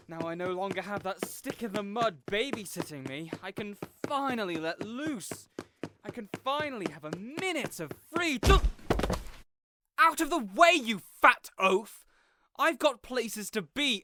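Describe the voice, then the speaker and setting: In an audio roleplay drama, a male actor with a higher voice plays a spoiled, arrogant young nobleman, mockingly sneering at his guard in a theatrical, sarcastic way. Background noise is audible.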